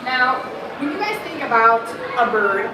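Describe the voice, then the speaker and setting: Speaking in a high, very animated but unhurried voice, this woman gives a bird conservation talk to a live audience at an aquarium, peppering it with ums and questions for the crowd and saying she has a loud voice. The room is echoey and noisy, and she's far from the mic.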